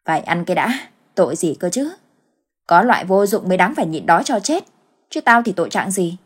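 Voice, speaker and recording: A woman's voice: on the low side, lively intonation, a little fast, slightly rough. A woman voicing a cruel, scheming older village woman who wails and gloats in a storybook tale. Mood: muttering. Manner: wailing then coldly gloating.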